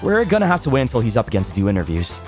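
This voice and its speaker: A man's voice: mid-range voice, wildly swooping pitch, rapid-fire, a little mellow, soft background music, pitched below the performer's own voice. A man voicing an irritable, jaded showbiz star who talks in a curt, impatient way. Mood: weary, annoyed.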